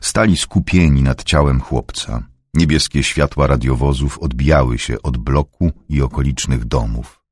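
A man reading a crime novel aloud as an audiobook narrator, in a measured, even storytelling manner. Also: a bass voice, husky, no room sound, studio quality.

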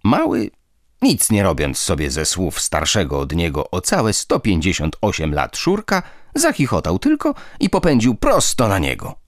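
A man narrating an audiobook in a lively storytelling manner. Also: deep voice, normal speed, dry recording, studio quality. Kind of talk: scripted narration.

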